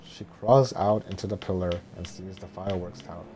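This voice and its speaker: A man with a low, mellow voice drones through a film script in a monotone, halting and stumbling over words. Faint noise sits in the background.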